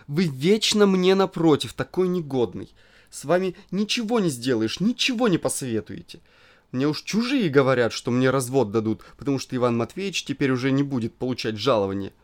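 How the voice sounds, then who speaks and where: Man doing a young wife voice, high, petulant, exclamatory, storybook reading. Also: big pitch swings, moderate pace, a little mellow, natural voice. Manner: pouting, high-pitched and exclamatory.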